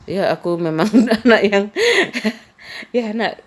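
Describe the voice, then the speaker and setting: A woman's voice: medium pitch, a little slow, darkish tone, slight background noise. A woman, chatting in a rambling way in a personal vlog and laughing often. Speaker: vlogger. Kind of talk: casual personal vlog chat.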